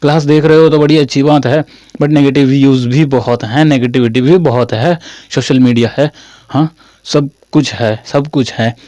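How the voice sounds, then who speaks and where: A man's voice: mid-range voice, fairly even intonation, normal speed, warm tone, no echo, dull audio. A young man from Haryana teaching a classroom-style lesson in a chatty way, repeating his phrases and calling listeners "brother". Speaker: English teacher.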